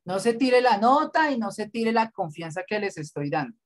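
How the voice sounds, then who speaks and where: A man's voice: high voice, very animated, moderate pace. A man, a design teacher giving blunt, corrective feedback on a student's work in class.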